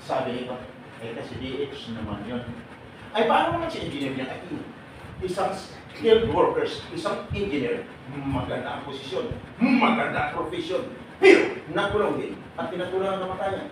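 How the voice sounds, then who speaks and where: A man addressing a group of workers with lively, animated delivery, laughing often and firing questions at his audience. His voice sits at a middle pitch and comes from some way off the mic. The room is very echoey and there is steady background noise. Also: normal speed, far from the mic. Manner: animated, laughing, asks the listeners direct questions. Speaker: OFW advocate speaking to a group of workers. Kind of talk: lively talk to a live group.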